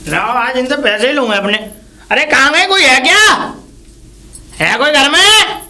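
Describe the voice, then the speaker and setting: A woman acting a loud village man who shouts and threatens to get his money back, in a comic sketch. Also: high voice, animated, a little slow, heavily acted. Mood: blustering. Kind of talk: rustic comedy sketch acting.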